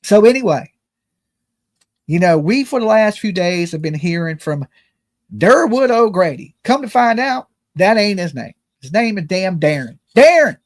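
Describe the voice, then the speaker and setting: A man's voice: sits high, expressive, normal speed. A man hosting a live commentary and call-in show, talking casually in a slangy, folksy way with self-deprecating jokes.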